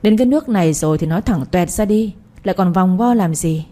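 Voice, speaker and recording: A woman voicing a sharp-tongued older mother-in-law who scolds and nags in a raised voice. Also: fast, close to an everyday voice. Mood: scornful. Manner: shrill, scornful, nagging.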